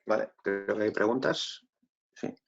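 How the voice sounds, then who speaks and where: A man's voice: fairly low pitch, unhurried, vocal fry, dull audio, faint music behind. Man from Spain teaching a webinar. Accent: Spain Spanish. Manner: explains step by step, keeps checking in with "vale". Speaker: webinar presenter. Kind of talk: online tech tutorial.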